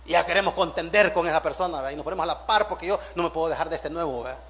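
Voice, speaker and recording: A man preaching with a high, bright, ringing voice. He fires rhetorical questions at the congregation, swells to loud emphatic peaks and then drops to hushed asides. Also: very fast. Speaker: pastor. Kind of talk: sermon.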